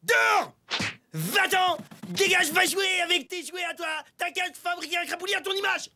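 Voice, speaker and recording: Brief: bratty cartoon rat; very high, jumpy, shouty, music behind. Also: male voice, animated, racing, a little hiss or hum, exaggerated voice. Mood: bossy. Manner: shouty, bossy.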